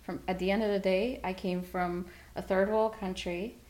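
A woman in her thirties from Guyana, guesting on an interview about her real estate work. She talks quickly and energetically, restarting phrases as she goes, in a mid-range voice. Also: medium pitch, fairly even intonation, darkish tone.

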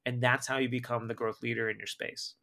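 A guest marketing expert being interviewed on a podcast speaks briskly in a medium-pitched voice. His delivery is energetic and emphatic, and he keeps tagging his points with "right?"

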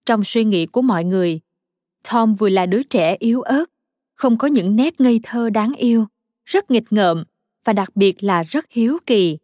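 A woman narrating a children's biography story in a calm, even storytelling manner. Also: medium pitch, moderate pace, dry recording.

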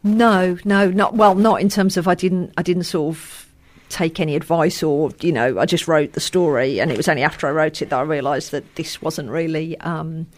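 A woman's voice: deep voice, steady tone, normal speed. A woman, a novelist co-presenting a radio book show, chatting casually with wry humour and frequent laughter.

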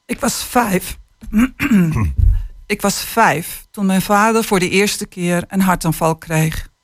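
Measured woman author on radio. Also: medium pitch, no echo. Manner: measured, hesitant with fillers. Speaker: author and guest. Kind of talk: radio interview, reading from her book. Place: radio studio. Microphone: studio microphone.

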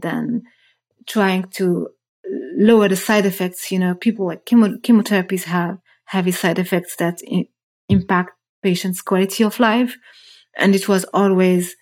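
Guesting on a podcast, this Moroccan startup founder in her thirties reflects earnestly on her story, restarting often. The voice is lowish and darkish in tone.

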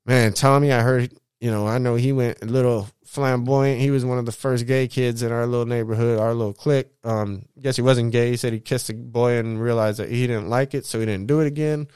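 A young man from Southern California telling stories from his youth in a laid-back, slangy, profane way, full of shout-outs to old friends. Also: mid-range voice, fairly even intonation, brisk, hardly any pauses, clear, resonant tone, no room sound, clean studio sound. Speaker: vlogger. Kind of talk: casual storytelling monologue.

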